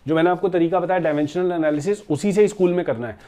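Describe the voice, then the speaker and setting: Man teaching physics in a dark voice. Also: high voice, fast. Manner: explains step by step, often asks students questions; calls students "beta" and "bachche" fondly. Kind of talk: classroom lecture at a board.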